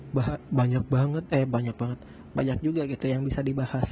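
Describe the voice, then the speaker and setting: A man with a relaxed, mellow, mid-pitched voice hosts a casual solo podcast in style. He cannot pronounce a rolled r and rambles along in a slangy, self-deprecating way. Ambient noise sits behind him. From Bandung, Indonesia. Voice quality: lisped, non-rolled r. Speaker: podcast host.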